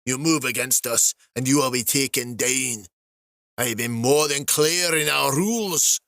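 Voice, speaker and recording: Man narrator doing a slow menacing dwarf slave driver, heavy threats, dry sound. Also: mid-range voice, sharp tone, no echo. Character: brutal male dwarf slave master with a whip.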